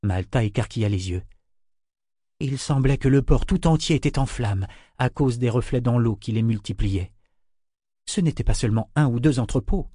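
A man narrating a fantasy novel aloud in an even, measured reading. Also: mid-range voice, dry recording, clean studio sound. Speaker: audiobook narrator.

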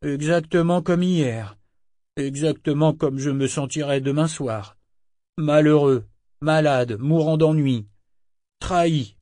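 A sickly young nobleman, sullen and bitter, voiced slowly and with weight, as a male narrator plays him. The lines come louder and a bit higher than the narration. The recording is dry and close. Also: dry recording.

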